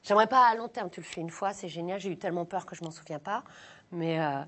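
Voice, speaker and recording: A woman's voice: on the low side, quick pace. A young woman comedian from the south of France, chatting casually and self-mockingly in an interview, with lots of fillers and restarts. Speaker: comedian guest.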